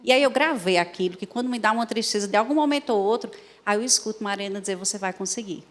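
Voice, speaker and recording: A woman panelist speaking softly and reflectively. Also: medium pitch, fast talker. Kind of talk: panel discussion.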